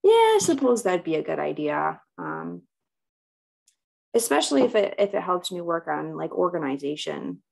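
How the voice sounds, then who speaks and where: A woman's voice: on the low side, huge pitch swings, normal speed, gravelly, darkish tone. A woman speaking as a client in a counseling role-play, talking hesitantly and with self-doubt about herself.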